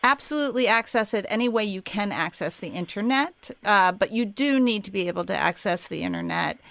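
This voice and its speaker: An Australian woman explaining things as a radio studio guest, pausing and searching for words. Her voice sits in a mid register, recorded dry and close. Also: medium pitch, animated, vocal fry, a bit bright, dry recording. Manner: hesitant, explanatory. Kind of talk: radio talk.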